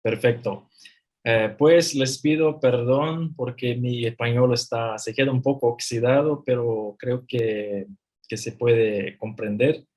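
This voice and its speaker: A man, in Portuguese, poses a scholarly question. His delivery is very slow and a little rough-edged. He hesitates often and repeats small words as he builds each phrase. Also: mid-range voice, fairly even intonation, darkish tone. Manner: halting, searching for words, with repetitions. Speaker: audience member asking a question. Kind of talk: academic question from the floor.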